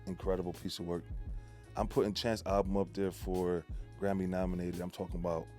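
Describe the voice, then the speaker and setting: A man's voice: low-pitched, level tone, a little fast, darkish tone, faint music behind. A man with a Midwestern accent hosting a casual interview, affirming and conversational, often agreeing along. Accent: Midwestern American.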